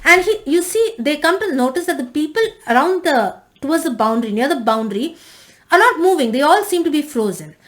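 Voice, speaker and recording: A woman casually recapping and reviewing a TV episode, rambling with frequent restarts and fillers. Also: high-pitched.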